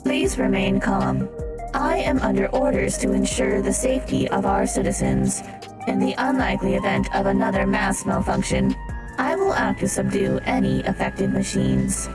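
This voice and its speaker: A woman voicing a calm, dutiful robot officer through a clangy robot voice changer, with a flat, formal, mechanical delivery. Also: extremely low pitch, moderate pace, pitched below the performer's own voice, poor audio. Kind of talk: reading game dialogue aloud. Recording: loud game music behind.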